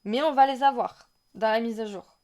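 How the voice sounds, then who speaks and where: A woman streaming a casual reaction to a game trailer, chatting with her viewers and reading their messages aloud in an excitable, rambling way. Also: a little high, normal speed.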